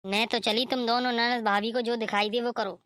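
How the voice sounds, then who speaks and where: A woman's voice: on the high side, fairly even intonation, moderate pace, a bit bright, no room sound, clean studio sound, close to an everyday voice. A woman voicing a scolding, complaining older mother-in-law in a cartoon story.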